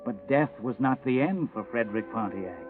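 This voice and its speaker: A man's voice: medium pitch, lively intonation, natural voice. Man as ominous Whistler narrator, tinny radio. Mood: grim, suspenseful. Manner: ominous, theatrical, measured. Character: The Whistler, ominous all-knowing night-walking mystery narrator. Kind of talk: 1940s radio mystery narration. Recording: narrow, tinny 1940s radio recording. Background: music.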